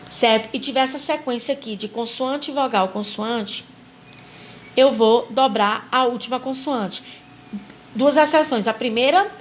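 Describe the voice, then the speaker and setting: A woman with a high voice teaches a recorded English lesson in Portuguese. She goes through each rule patiently, spelling letters out and repeating herself. Faint background noise sits under her voice. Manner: patient, spells out rules step by step and repeats them.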